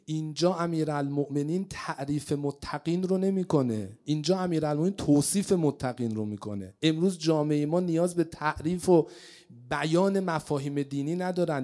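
Preacher, storytelling sermon, slow Arabic recitation, swings loud to hushed. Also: male voice, on the high side. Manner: recites Arabic slowly, then explains in Persian; dramatic swings between loud and hushed delivery. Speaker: religious speaker.

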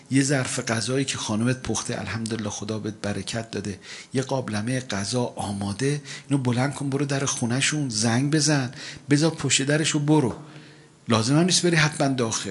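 A male cleric giving a sermon, slowly chanting Arabic quotations and rising into urgent exhortations. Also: mid-range voice, slightly rough.

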